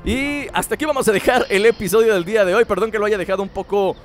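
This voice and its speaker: Young guy doing lets play commentary, joking around, kinda high voice, game music behind. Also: fast. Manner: joking, chatty, laughs often. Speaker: gaming channel host.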